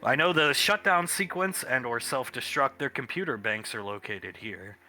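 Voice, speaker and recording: A man's voice: medium pitch, animated, moderate pace, sharp tone, faint music behind. A man playing a blunt, wry military officer briefing his squad in a tabletop game, with an authoritative manner. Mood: considering, blunt.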